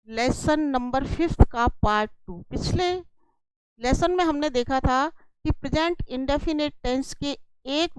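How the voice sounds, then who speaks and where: A woman teaching a Sanskrit lesson in a slow, deliberate way, patiently repeating each example and explaining it. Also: sits high, clean tone, no room sound, rough recording.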